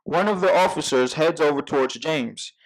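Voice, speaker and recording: Speaking at a normal speed, a fairly high-voiced man reads a screenplay's scene headings and stage directions aloud as narration during a table read. The recording is of poor quality.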